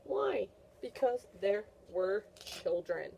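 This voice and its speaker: In a schoolteacher's read-aloud for young children, a woman reads a picture book to her class with comprehension questions, repeating questions and answers. Her mid-range, creaky voice swings widely in pitch as she takes it slowly, animated, encouraging and full of praise, with faint background noise.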